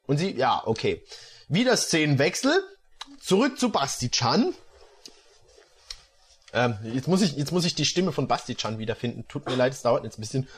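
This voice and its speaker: A man's voice: mid-range voice, very animated, normal speed, long pauses, breathy edge. A man reading bad fan fiction aloud and mocking it with sarcastic comments.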